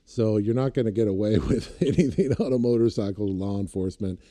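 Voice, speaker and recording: Dark-voiced, low-pitched man telling rambling stories. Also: brisk. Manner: rambling storyteller, laughs at his own anecdotes. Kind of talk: casual chat.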